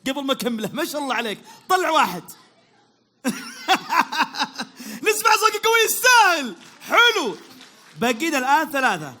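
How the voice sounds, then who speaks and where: A Saudi man hosting a quick quiz for a crowd, upbeat and teasing, repeating praise and calling out to the audience. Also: extremely high pitch, very animated, pushed and bright. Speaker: quiz host at a public event.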